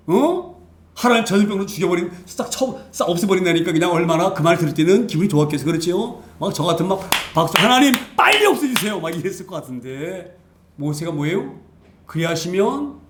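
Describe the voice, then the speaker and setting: A man preaching a sermon as pastor, animated and acting out the voices of the people he quotes. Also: sits high, roomy sound.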